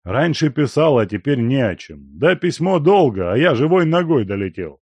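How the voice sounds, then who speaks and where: A man voicing a hoarse, blunt old gray-haired male gold miner who talks coarsely and teases. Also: medium pitch, very animated, normal speed, a little mellow, dry recording, voice pushed up. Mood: gruff.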